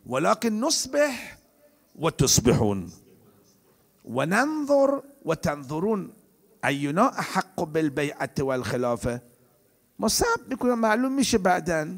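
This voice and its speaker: A man delivers a sermon with a gravelly edge to his voice. His pitch rises and falls dramatically as he moves between slow, chanted scripture and brisk explanation. He often pauses to put questions to his congregation. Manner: quotes Arabic scripture in a slow chant, then explains in quick conversational Persian. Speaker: preacher. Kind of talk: religious sermon.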